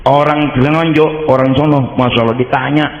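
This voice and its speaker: A man with a Betawi accent preaching at a mosque study gathering, telling stories in casual speech and getting excited as he goes. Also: moderate pace. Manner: storytelling in colloquial Jakarta speech, rising pitch in excited moments. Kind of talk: informal religious study talk. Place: mosque hall. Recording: roomy mosque hall, muffled sound.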